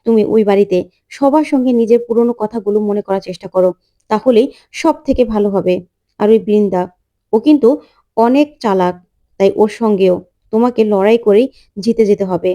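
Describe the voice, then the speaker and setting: A woman reading a calm advising man. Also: medium pitch, brisk, long pauses, close to an everyday voice.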